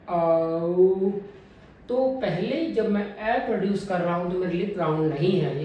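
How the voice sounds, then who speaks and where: A man teaching a phonetics lesson, deliberately modelling each vowel sound over and over. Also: high-pitched, mellow, slight background noise. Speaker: English pronunciation teacher. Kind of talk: phonetics lesson with drilled repetitions. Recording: very echoey room, mic at a distance.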